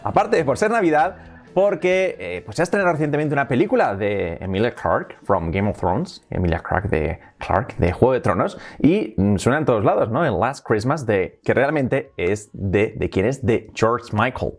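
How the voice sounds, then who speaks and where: A man with a Spain Spanish accent gives a casual English lesson. His pitch moves a lot as he talks. He stretches out words slowly to drill each sound. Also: sing-song. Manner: slow, exaggerated pronunciation drills. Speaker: English teacher.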